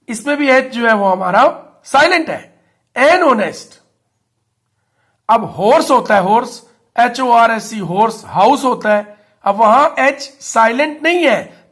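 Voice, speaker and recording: A man's voice: sits high, fairly bright tone. A male teacher giving a classroom lesson, patiently explaining and spelling words out letter by letter. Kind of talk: classroom lesson on English articles.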